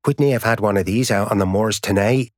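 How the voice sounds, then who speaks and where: A man's voice: lowish voice, fairly quick, no echo, clean studio sound, lightly acted. A man voicing a chatty, curious male hiker, in an audiobook.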